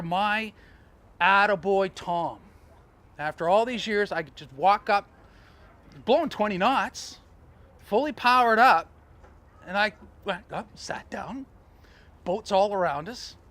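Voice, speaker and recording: A man coaching sailors on sail trim, talking in an animated, storytelling way with chuckling asides. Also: high-pitched, slow, long pauses. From Canada. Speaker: sailing coach. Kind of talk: outdoor teaching talk.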